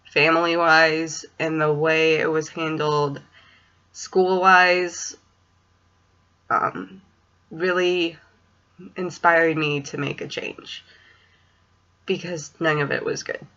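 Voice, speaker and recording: Slow, bright young woman with soft R's. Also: low-pitched, steady tone, clear, resonant tone, lo-fi sound. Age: 20s. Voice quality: speech impediment, says w for r. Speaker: student teacher in special education. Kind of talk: casual personal vlog. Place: small home room, indoors. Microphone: webcam or computer mic at desk distance.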